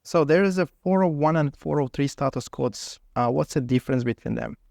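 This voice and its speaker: A man's voice: on the high side, a little fast, vocal fry, a little mellow, dry recording, studio quality. A man acting as interviewer in a mock technical interview, putting questions and follow-ups to a candidate.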